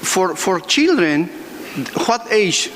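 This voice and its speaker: A man answering an audience question as a conference speaker, off the cuff, with halting, non-fluent phrasing. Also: high-pitched, very animated, a bit bright. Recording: echoey hall with background noise.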